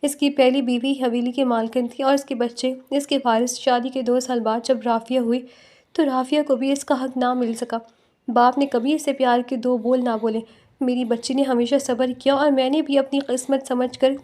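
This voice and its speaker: A woman's voice: sits high, a little mellow, lightly acted. A woman voicing a grieving, pleading mother. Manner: tearful, pleading. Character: grieving, desperate middle-aged mother.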